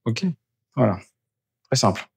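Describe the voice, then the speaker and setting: This geobiologist has a medium-pitched, slightly slow voice with vocal fry and a breathy edge, recorded in studio quality with no echo. He moves between rooms of a house performing an energy clearing, demonstrating live and explaining every step to the camera.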